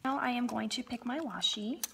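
There's background noise as a young planner crafting vlogger narrates her decorating in a relaxed plan-with-me voice-over. Her voice sits on the high side and sounds gravelly and slightly froggy, at a normal speed. Her delivery is upbeat and chatty, full of fillers.

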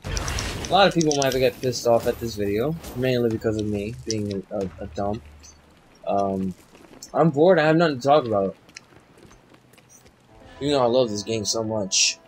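A man's voice: fairly low pitch, unhurried, long pauses, noisy background. A young man giving crude, rambling, self-mocking commentary while playing a video game. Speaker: gaming YouTuber. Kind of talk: casual let's play commentary.

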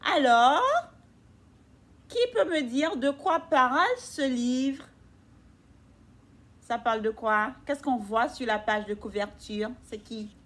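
A woman's voice: a little high, takes it slowly, long pauses, a bit bright. A woman teacher reading a picture book aloud to young children, patiently asking them questions. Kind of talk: children's read-aloud lesson.

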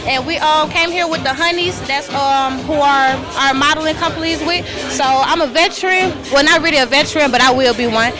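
A woman's voice: high voice, brisk, hardly any pauses, over music. A young woman chatting casually as an interview guest into a handheld microphone at an indoor event. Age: young adult. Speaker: interview guest, video model. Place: indoor event, against a plain backdrop.

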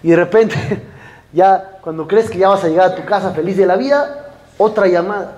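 A man giving a sermon as a rabbi, telling a story with lively acted-out dialogue and speaking directly to his listeners. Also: sits high, moderate pace, highs cut off. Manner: animated storytelling, acting out dialogue, addressing the audience directly.

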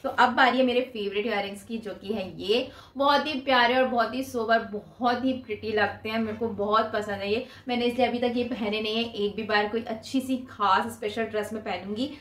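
A woman in her twenties vlogs her shopping haul from a small room, chatting casually and displaying items to the camera by hand. Her fairly bright, somewhat high voice keeps a steady tone at normal speed, with hardly any pauses, and the room reverberates.

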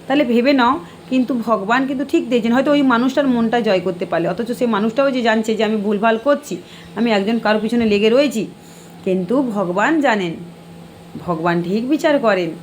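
Middle-aged woman, live-stream host, admonishing and sermonizing, slightly high pitch, faint noise behind. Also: fast. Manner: preachy, admonishing. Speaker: live-stream host answering viewer comments. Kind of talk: casual live-stream chat.

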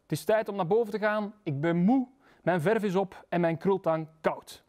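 A man's voice: high-pitched, normal speed, a little mellow, natural voice. A man with a Flemish accent voicing a fatherly, tired male God creating the animals in a storybook reading. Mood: weary. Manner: fatherly, flustered, patient then tired. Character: weary good-natured old God the Father, male.

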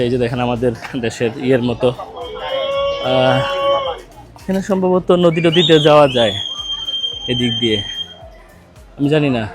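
A man from Bangladesh, talking casually and haltingly to a phone camera while he walks outdoors and later rides in a car. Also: medium pitch. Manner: chatty and hesitant, with many fillers. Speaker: vlogger. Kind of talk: casual travel vlog narration.

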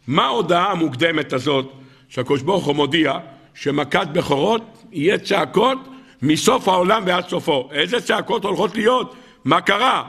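Male rabbi, sermon, dramatic storyteller, gravelly, fairly high voice. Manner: dramatic storytelling preacher, rises to loud exclamations. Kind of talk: weekly Torah sermon.

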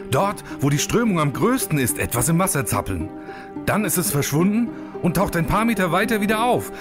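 A man narrating a children's storybook film in an expressive, animated way. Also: on the high side.

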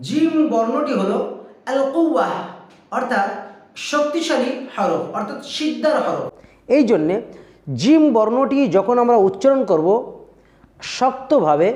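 A man's voice: very high voice, lively intonation, moderate pace, pauses often, a little mellow. A man teaching the pronunciation of Arabic letters, addressing viewers as dear friends and drilling each sound over and over. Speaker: Quran recitation teacher.

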